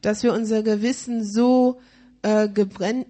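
Female live interpreter at a church service, hesitant, restarts often, mid-pitched voice. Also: steady tone, unhurried, mellow. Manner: hesitant, many fillers and restarts while searching for words.

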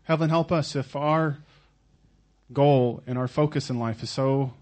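A man's voice: mid-range voice, a little mellow. Earnest preacher man. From Oklahoma, United States. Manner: earnest, pausing after each phrase, occasional stumbles. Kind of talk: sermon delivered in short phrases for an interpreter.

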